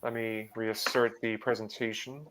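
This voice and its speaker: A man's voice: fairly low pitch, little pitch movement, measured pace, noisy background. A man hosting a live online trivia quiz over a video call, talking with hesitant fillers and restarts. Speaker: trivia host.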